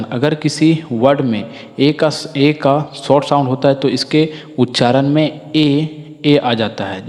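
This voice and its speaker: A man gives a patient classroom-style phonics lesson. He drills through word lists and often asks listeners to repeat after him. His voice sits at an ordinary pitch, and it rings with a long reverb as if he were recording in a big hall. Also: darkish tone. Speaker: English teacher.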